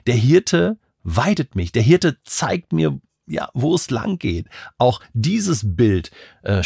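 A man's voice: medium pitch, creaky, a little mellow, husky, dry recording, clean studio sound. A man in a devotional Bible discussion, reflecting personally on a psalm with emphatic repetition. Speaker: Bible study speaker.

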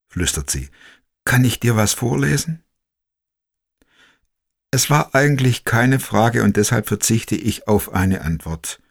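A man narrating a personal story in the first person, slow, quiet and reflective. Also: fairly low pitch.

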